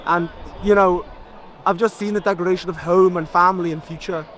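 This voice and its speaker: A man's voice: high voice, fairly even intonation, brisk, fairly bright tone. A man at an outdoor rally talking earnestly and hesitantly, often repeating words. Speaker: rally attendee.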